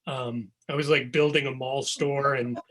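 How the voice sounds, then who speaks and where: Over a video call, a novelist guest talks casually about his writing, rambling and relaxed with many ums and restarts. He speaks at medium pitch and a moderate pace.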